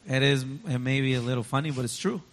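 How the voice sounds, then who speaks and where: A man's voice: mid-range voice, fairly even intonation, a little fast, a bit bright. Man interpreting a sermon live. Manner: follows closely, with fillers and restarts.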